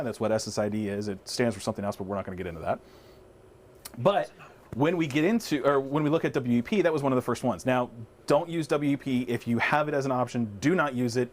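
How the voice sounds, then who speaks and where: A man co-hosting a tech webinar, casually explaining Wi-Fi step by step with frequent restarts. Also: mid-range voice. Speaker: webinar co-host.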